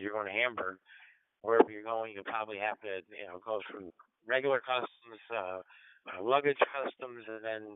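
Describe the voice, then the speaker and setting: A man's voice: fairly low pitch, smooth, no room sound. Man on a phone-like radio link. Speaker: radio net participant recounting travels. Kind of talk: casual radio chat. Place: radio transmission. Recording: narrow-band digital radio link, phone-like.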